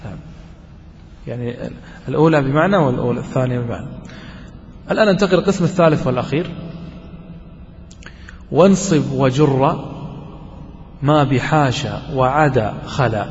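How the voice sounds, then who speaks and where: A man teaching an Arabic grammar lesson to a class. He keeps checking that the students follow with quick questions, and he repeats his examples slowly. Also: medium pitch, animated, slight background noise. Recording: dull lo-fi recording in a hall with long reverb.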